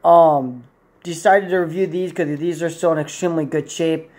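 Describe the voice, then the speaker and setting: A man in his 20s with a slightly high, darkish voice gives an off-the-cuff product review at a moderate pace and in a steady tone. He talks casually to a camera in a plain indoor room, rambling and correcting himself as he goes.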